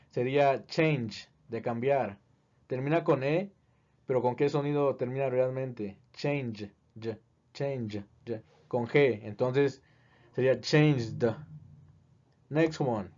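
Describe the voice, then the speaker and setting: A man teaching in a video lesson, speaking slowly and deliberately and repeating each word as a drill. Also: mid-range voice, fairly even intonation, darkish tone. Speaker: English teacher. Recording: dull, lo-fi recording.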